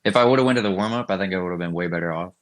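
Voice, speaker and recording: A young man being interviewed as a guest. His voice is very low, and he keeps his answers short and easygoing. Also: rapid-fire. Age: young adult. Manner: laid-back, short understated answers. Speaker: guest racer.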